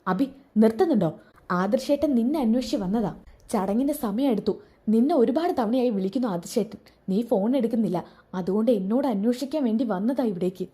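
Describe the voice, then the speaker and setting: A woman's voice: a little high, lively intonation, a little fast, warm tone, close to an everyday voice. A woman voicing a pregnant young wife who answers her husband with hurt reproach. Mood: exasperated. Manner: reproachful, pleading.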